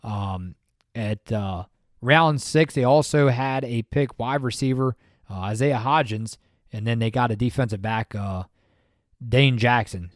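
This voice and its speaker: A man co-hosting a podcast in casual sports chat, talking in an animated, rambling way with many fillers and restarts. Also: mid-range voice, unhurried, dry recording, clean studio sound. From Maryland, USA. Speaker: podcast co-host.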